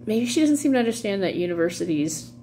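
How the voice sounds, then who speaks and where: Here the same kind of middle-aged woman vlogger talks fast in a mid-range, dark-toned voice, very animated and wryly amused, wandering into asides during her casual rambling. She does dramatic readings on her vlog, recording indoors in a small room at home with an obvious background hum.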